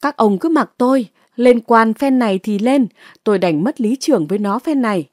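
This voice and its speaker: A woman's voice: on the high side, expressive, normal speed, a little mellow, no echo, studio quality, close to an everyday voice. A woman narrator voicing an angry, blustering male village headman. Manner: blustering, threatening.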